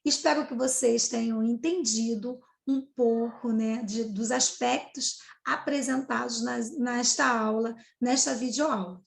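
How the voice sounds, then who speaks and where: A woman's voice: a little high, fairly even intonation, unhurried, vocal fry, hardly any pauses, echoey room. A Brazilian woman teacher giving a recorded video lesson, explaining step by step and checking in with her students. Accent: Brazilian Portuguese.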